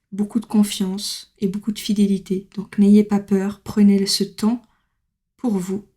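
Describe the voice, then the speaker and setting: A woman's voice: medium pitch, mellow. A woman giving a casual tarot reading to camera, chatty, with many fillers and laughs. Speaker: tarot card reader.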